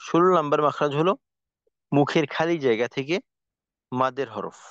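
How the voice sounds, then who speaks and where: A man teaching Quranic pronunciation, patiently demonstrating each sound by repeating it slowly. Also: on the high side, clean tone, no echo, dull audio. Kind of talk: spoken lesson on pronunciation.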